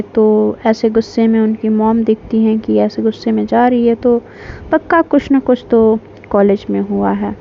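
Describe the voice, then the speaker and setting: A woman telling a romantic story in a casual, conversational way, retelling the dialogue in her own plain narrating voice with small fillers. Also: a little high. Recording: dull lo-fi home recording with faint noise.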